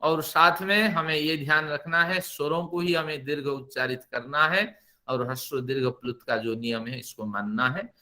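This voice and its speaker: Middle-aged male recitation teacher, bright, fairly high voice, patient step-by-step explaining with chanted demonstrations. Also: fairly even intonation, normal speed. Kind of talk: spoken Sanskrit pronunciation lesson.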